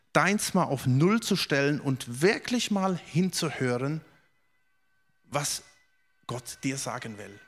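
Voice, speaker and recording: A man with a slightly high voice preaches an earnest, direct sermon. He repeats words for emphasis and softens his voice when voicing quoted questions.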